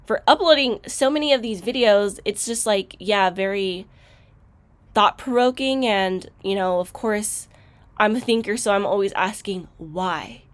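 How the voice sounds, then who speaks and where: A woman with a medium-pitched voice hosts a casual reaction video at a moderate pace. She talks reflectively, using lots of fillers, and turns loud and emphatic when frustrated.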